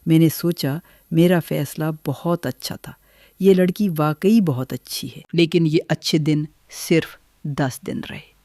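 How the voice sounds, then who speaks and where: An older woman telling her own family story in the first person, in a measured, gentle way. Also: deep voice, dry recording, clean studio sound.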